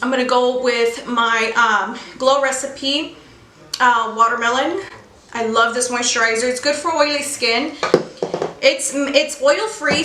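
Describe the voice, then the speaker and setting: A woman's voice: high voice, sharp tone. A young American woman giving a casual, chatty makeup tutorial with informal, slangy talk while chewing gum. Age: young adult. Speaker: beauty vlogger. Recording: roomy echo, faint background noise.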